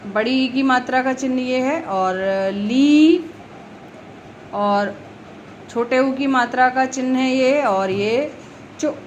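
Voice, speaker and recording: A woman teacher talks young pupils through a grammar lesson in a slow, patient way. Her voice sits a little high, and she repeats each letter and example word with care. Faint background noise runs under the recording. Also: rough recording. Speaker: primary school teacher. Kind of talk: explaining Hindi grammar to young children.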